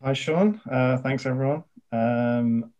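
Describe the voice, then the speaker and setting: Guest, man from London, slow and mellow, muffled recording. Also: medium pitch. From London, United Kingdom. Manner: slow and hesitant. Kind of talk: casual panel chat. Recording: dull muffled sound.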